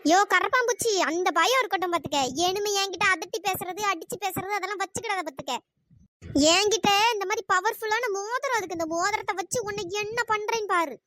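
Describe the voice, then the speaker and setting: Woman voicing cartoon old wife, bossy, sharp-tongued, gloating, bright piercing tone. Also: extremely high pitch, quick pace, dry recording. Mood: taunting. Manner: taunting, threatening, gloating.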